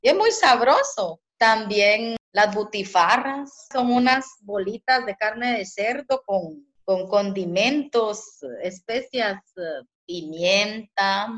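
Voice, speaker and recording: A woman from Zacapa with an eastern Guatemalan accent and a sing-song, expressive way of talking, a guest in an interview. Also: mid-range voice, slow pace. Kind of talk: casual interview.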